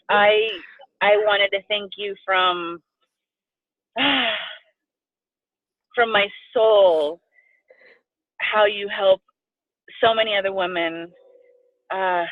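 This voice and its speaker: A woman's voice: medium pitch, no room sound. A Puerto Rican woman, a coaching client, talking effusively and sometimes tearfully in a video-call interview. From Puerto Rico. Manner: effusive, gushing, tearful at times. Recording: tinny phone-like line.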